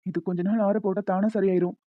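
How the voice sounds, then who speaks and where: A woman voicing a caring friend who coaxes and lectures gently in a cartoon. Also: medium pitch, flat delivery, fast talker, dry recording, lightly acted. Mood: coaxing. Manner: coaxing, advising. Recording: tinny phone-like dry recording.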